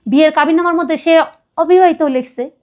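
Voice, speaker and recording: Woman, high voice, earnest, pleading tone, personal confession. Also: a little fast. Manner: earnest, pleading, quotes others at length. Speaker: guest telling her life story.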